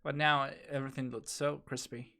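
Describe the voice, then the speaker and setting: Medium in pitch and normal in speed, this creaky voice belongs to a non-native English-speaking streamer who talks casually and haltingly during gameplay. The manner is relaxed, with plenty of fillers.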